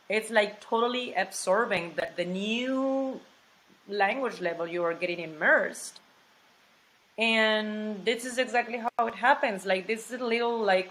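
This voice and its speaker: In a casual interview, a guest from Mexico talks in English, her second language, with a Mexican Spanish accent. She is chatty and lively, frequently repeating words and using "like," in a mid-range voice. The audio is poor.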